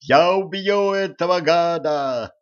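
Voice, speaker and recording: A man voicing a bold young hero-prince who bellows slow, drawn-out challenges, on a dull lo-fi recording. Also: on the high side, pitched above the performer's own voice. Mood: bellowing challenge. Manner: shouting, drawn-out, heroic. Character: young male hero-prince, loud, bombastic.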